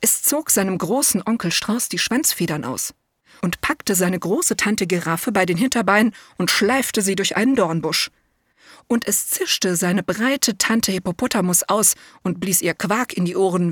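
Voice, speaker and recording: Gentle woman reading a children's story. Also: on the low side, breathy edge, no room sound, studio quality. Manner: gentle, measured, addressing a child.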